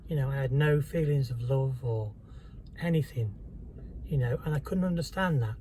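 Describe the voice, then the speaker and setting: Man, reflective, halting, mid-pitched, dark timbre. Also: a little hiss or hum, rough recording. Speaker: vlogger. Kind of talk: personal storytelling to camera.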